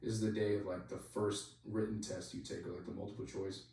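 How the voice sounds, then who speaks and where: A soldier telling a story on a podcast in a rambling, casual way, leaning on "like" and swearing freely. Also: male voice, fairly low pitch, level tone, fairly quick, warm tone. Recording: very echoey room, voice far from mic.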